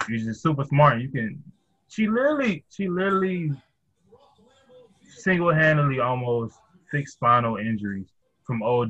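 A man's voice: medium pitch, a bit bright, dry recording, lo-fi sound. A man hosting a podcast, chatting casually in laid-back slang. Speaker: podcast host. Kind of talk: casual chat.

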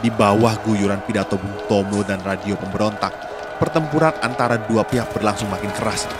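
A man narrates a history documentary from a script. His voice is fairly low, his delivery formal and dramatic. Music runs clearly underneath. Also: fairly quick.

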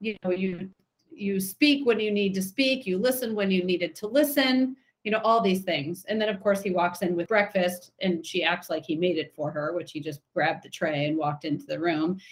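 A woman's voice: fairly low pitch, normal speed. A woman co-hosting a podcast, chatting casually and opinionatedly as she recaps a TV episode. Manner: chatty, opinionated, animated retelling. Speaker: podcast co-host.

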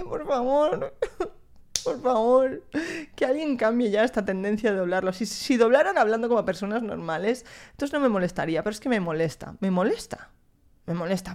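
A young woman with a Spain Spanish accent rambles through a casual podcast monologue. Her voice sits fairly low for a woman. She talks freely, tossing in slang, mild swearing and lively asides. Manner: chatty and slangy, mildly profane, lively asides. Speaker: podcast host.

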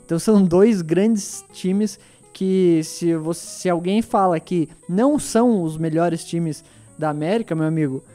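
A man gives opinionated views in a casual football debate. He speaks deliberately in a mellow, dark voice. Faint music plays behind him. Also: high-pitched. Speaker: panelist.

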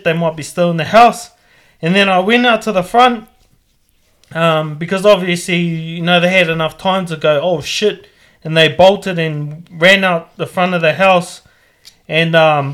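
A man's voice: high voice, a bit bright. A young man telling a story in casual chat, laid-back, rambling, and swearing freely.

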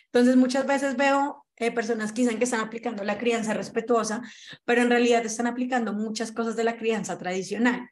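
A woman's voice: on the high side, fairly even intonation, brisk. Earnest woman explaining parenting. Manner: earnest, explanatory, acts out parents' quoted lines. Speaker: guest on parenting. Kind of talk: conversational interview answers.

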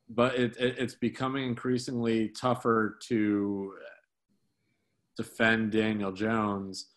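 A man's voice: lowish voice, a bit bright. A man co-hosting a sports podcast, talking casually about football with many fillers and restarts.

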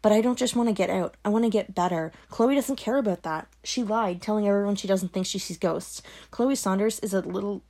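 A woman's voice: medium pitch, brisk, hardly any pauses, mellow, natural voice. Woman doing a whiny sulky teen girl. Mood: resentful. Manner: whiny, thick-voiced as if crying. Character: sulky, resentful teenage girl. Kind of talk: audiobook character voice.

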